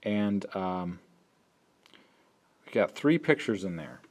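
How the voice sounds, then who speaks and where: A man's voice: deep voice, animated, takes it slowly. A man explaining an app step by step in a tutorial, thinking aloud as he works. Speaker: teacher. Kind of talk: screen-recorded app tutorial.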